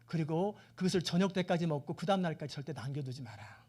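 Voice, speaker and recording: A man preaching a sermon, telling the story with animated delivery and putting questions straight to his listeners. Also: fairly high pitch, fast. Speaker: pastor.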